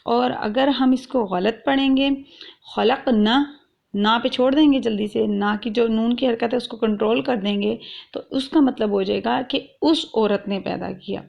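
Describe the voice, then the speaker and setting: Gravelly-voiced woman teaching tajweed. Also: on the high side, lo-fi sound. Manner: explains patiently, drawing out letters and syllables; mixes English words into her speech. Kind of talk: online lesson.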